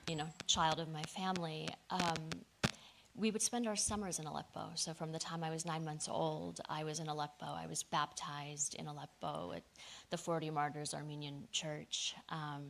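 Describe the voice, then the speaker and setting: A woman's voice: sits low, gravelly. A woman speaking at a podium, telling a personal story in a conversational, earnest way with frequent fillers. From United States. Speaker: guest speaker. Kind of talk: public talk at a podium. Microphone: handheld or lapel microphone.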